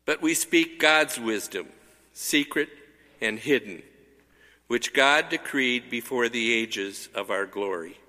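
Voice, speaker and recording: Slow man reading in cathedral echo. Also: medium pitch, expressive, sharp tone. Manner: slow, measured, deliberate reading. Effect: cathedral echo, long church reverb. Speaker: lector. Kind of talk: liturgical scripture reading. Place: large church. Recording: reverberant church hall.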